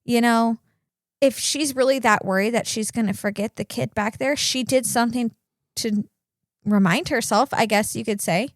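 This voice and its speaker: A woman's voice: fairly high pitch, normal speed, no echo, studio quality. A young woman co-hosting a parenting podcast, chatting casually in an easygoing, reasonable way. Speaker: podcast co-host, mother. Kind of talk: casual chat.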